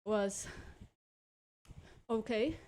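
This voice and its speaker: A woman's voice: a little high, extremely slow, darkish tone. Breathless woman chatting after a workout. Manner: breathless, laughing, chatty with viewers. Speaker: cyclist streaming her training. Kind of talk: casual live-stream chat.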